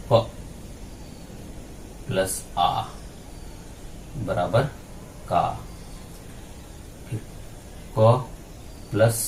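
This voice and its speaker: A male teacher giving a grammar lesson, spelling out sounds one at a time in a slow, deliberate way. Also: low voice, a little mellow, slight background noise, rough recording. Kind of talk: grammar lesson explaining on a board.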